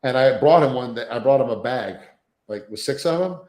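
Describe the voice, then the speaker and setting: A man in his thirties, a guest telling profane, animated anecdotes in a casual interview, full of acted quotes. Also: mid-range voice, fairly quick, echoey room, poor audio.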